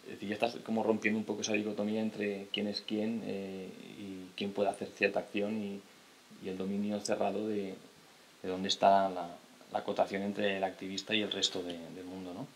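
A man gives a seated lecture into a table microphone. His voice sits low and stays fairly level, and he often breaks off to restart a phrase or checks in with a quick tag question. A soft hiss runs under the recording. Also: completely flat delivery, poor audio. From Spain. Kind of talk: lecture to an audience. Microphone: table mic on a stand.

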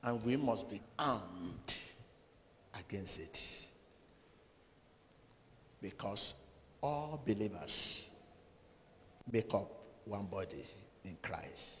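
A middle-aged man preaching to a seated congregation in a large church hall, speaking slowly and emphatically into a handheld microphone, with dramatic swings in loudness and long pauses between phrases. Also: fairly low pitch, lively intonation. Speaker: pastor. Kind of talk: sermon. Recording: long hall reverb, faint room noise.

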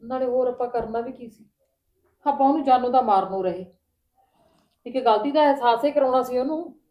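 An actress plays a sister-in-law in a family drama, soft-spoken and hurt. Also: female voice, fairly high pitch, a little fast, lo-fi sound, natural voice. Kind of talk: Punjabi family drama acting. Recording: echoey room.

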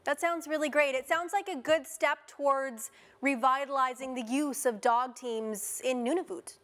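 A woman's voice: high voice, fairly even intonation, normal speed, fairly bright tone. A middle-aged woman asking questions as a broadcast news interviewer. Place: TV studio.

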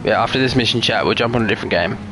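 A man's voice: fairly low pitch, very fast, background noise. A young man streaming a driving game live, chatting casually with viewers, swearing often and venting road rage. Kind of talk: live gameplay commentary.

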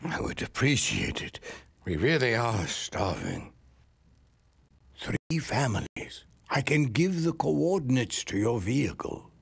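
An actor playing a very old, devout and weary village elder in a video game, raspy and solemn, with poetic phrasing. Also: male voice, medium pitch, wildly swooping pitch, no room sound, exaggerated voice. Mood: grave, gentle. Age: older. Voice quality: raspy, gravelly. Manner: solemn, poetic, slow measured delivery.

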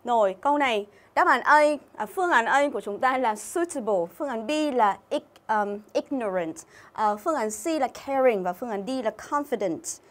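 A woman's voice: a little high, animated, moderate pace. Chatty Vietnamese woman teaching English live. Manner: chatty, reads out viewer names and comments. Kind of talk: livestream exam-review lesson.

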